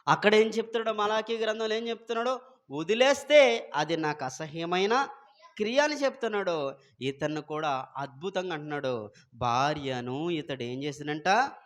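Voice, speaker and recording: A man preaching a Sunday sermon as pastor, quizzing the congregation and swinging between loud exclamations and soft asides. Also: fairly high pitch, lively intonation, moderate pace.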